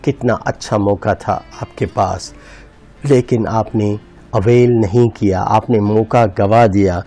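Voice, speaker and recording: Friendly male grammar teacher, mellow voice. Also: fairly low pitch, soft background music. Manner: friendly, addresses viewers as friends; reads English example sentences slowly. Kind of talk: online grammar lesson in Urdu.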